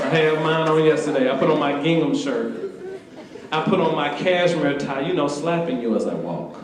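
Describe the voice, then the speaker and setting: Southern guy from atlanta doing a funny story for a college crowd, very echoey hall. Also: fairly high pitch. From Atlanta, Georgia, US. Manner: lively, playful, talks straight to the audience. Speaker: author speaking to students. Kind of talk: humorous storytelling talk. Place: university event hall.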